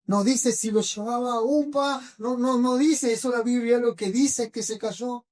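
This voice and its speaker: A woman's voice: fairly high pitch, steady tone, a little mellow. A woman preacher with a Rioplatense accent, retelling scripture in a sermon and often checking in with her listeners through short questions. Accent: Rioplatense Spanish. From Argentina. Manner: checks in with the congregation with frequent tag questions; retells scripture slowly, with pauses and fillers. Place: church hall. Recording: voice from a distance.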